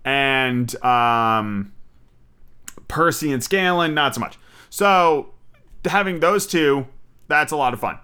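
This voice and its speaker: Man, podcast host, bright tense tone, crisp smooth voice, rambling, swears a lot, eager fan. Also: mid-range voice, animated, slow pace, pauses often. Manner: rambling, frequent fillers and restarts, swears casually; enthusiastic fan. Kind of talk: casual solo podcast commentary.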